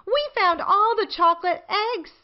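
Woman as high-pitched, excitable little Peppa Pig. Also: measured pace, muffled recording. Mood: excited. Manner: excited, childlike. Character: eager little girl Peppa Pig, storybook piglet.

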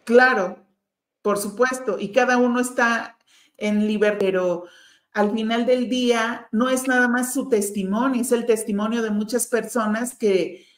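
A woman interviewer, asking measured, probing questions. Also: fairly high pitch, steady tone, reverberant.

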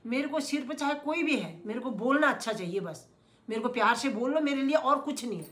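A woman's voice: high voice, animated, brisk, a bit bright. A middle-aged mother earnestly lecturing her son in casual family talk.

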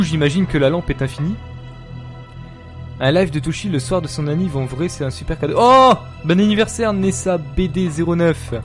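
A man streaming a horror game live, talking casually, excitable and jumpy, swearing and laughing often. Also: a little high. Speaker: streamer playing horror games.

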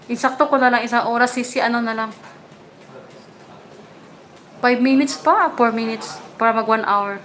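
A woman's voice: on the high side, moderate pace, pauses often, fairly bright tone, a little hiss or hum. A woman hosting a casual livestream, chatting with viewers and cooing baby talk at her puppy. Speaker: livestream host.

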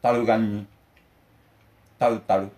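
A man's voice: fairly low pitch, little pitch movement, measured pace, darkish tone. An older man ranting indignantly and emphatically to his viewers while eating lunch at home. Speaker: vlogger.

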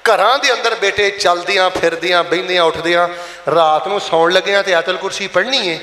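Punjabi male preacher, high, sharp, impassioned, echoey hall. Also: fairly even intonation, a little fast. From Pakistan. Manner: impassioned, calls on the crowd to answer aloud. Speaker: Friday preacher. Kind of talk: Friday sermon. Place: large mosque hall. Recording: echoey mosque hall, long reverb.

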